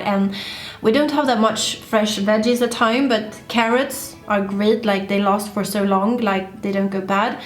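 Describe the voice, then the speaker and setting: A young woman talking casually in her home kitchen, chatty and full of "like", as a vlogger. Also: fairly high pitch. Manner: chatty, peppered with "like".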